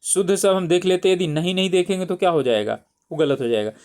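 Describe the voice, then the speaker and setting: A man's voice: sits high, fast talker, a little mellow, clear, resonant tone. A man teaching spelling for an exam, patiently repeating each word and checking in with his listeners. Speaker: Hindi exam tutor. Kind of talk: explaining exam spelling questions.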